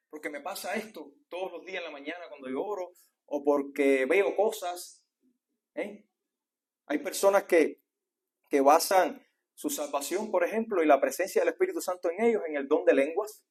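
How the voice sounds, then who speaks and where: A pastor with a Cuban accent preaches to his congregation, pressing them with question after question. His voice is husky and sits a little high for a man. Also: darkish tone. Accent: Cuban Spanish. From Cuba. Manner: preaching with rhetorical questions, often asking "¿eh?". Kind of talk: sermon. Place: church.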